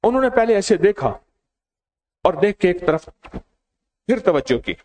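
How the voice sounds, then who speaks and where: A man giving a sermon, telling stories and speaking directly to his listeners in an animated way. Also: high-pitched. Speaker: religious preacher. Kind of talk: storytelling sermon.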